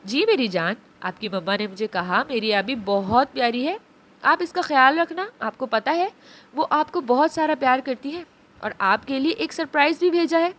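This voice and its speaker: A woman's voice: high voice, animated, moderate pace. A woman voicing a tender young stepmother. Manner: soft, tender, soothing. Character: gentle young woman, loving new stepmother.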